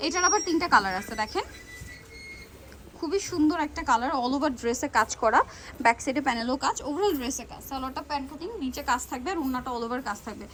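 A woman's voice: high voice, lively intonation, fast, a bit bright, soft background music. A woman hosting a shopping video in a mall clothing shop, showing dresses one after another and repeating each price. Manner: rattles off prices and repeats them. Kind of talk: fast product showcase. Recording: noisy shop ambience.

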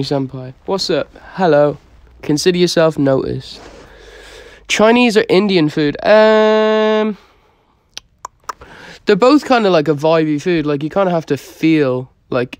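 At a moderate pace, a young Dubliner with a higher, darkish voice chats in relaxed slang while answering livestream comments. The phone is held close to his face, producing a dry recording.

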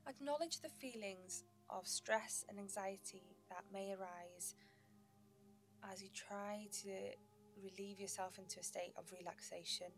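A woman narrating a guided meditation in a gentle, soothing sleep-story manner, with measured pauses. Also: mid-range voice, soft background music.

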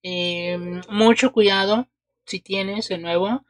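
A woman lays out tarot cards and reads them for the viewer at an unhurried pace. She fills gaps with soft "eh"s and checks in with a little "ok?". Her voice sits at a middle pitch and sounds dry and close, with little room around it. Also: fairly even intonation, dry recording. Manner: unhurried, many filler "eh"s and checking "¿ok?". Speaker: tarot reader. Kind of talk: tarot reading to camera. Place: indoors at a table.

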